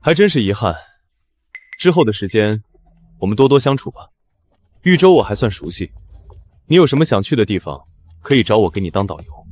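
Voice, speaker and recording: A young actor playing a calm, confident heir who speaks in a measured, teasing way. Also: male voice, fairly low pitch. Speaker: male lead. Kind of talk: short drama acting. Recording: soft music underneath.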